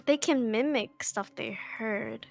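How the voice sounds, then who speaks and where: A woman's voice: fairly high pitch, slow, gravelly, soft background music. A woman chatting casually as a player in a tabletop role-playing game.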